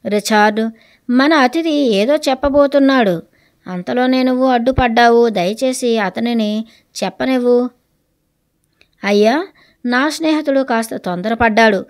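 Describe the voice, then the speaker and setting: A woman voicing a calm, wise male traveler who gently reasons with his friend, read aloud as a story. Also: fairly high pitch, measured pace, pauses often, close to an everyday voice. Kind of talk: storybook reading.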